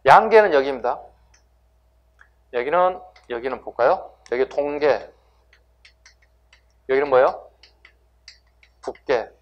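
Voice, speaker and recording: A man's voice: mid-range voice, slow pace, long pauses, highs cut off. A man teaching history to exam students in a classroom lecture, asking rhetorical questions and answering them himself with emphasis.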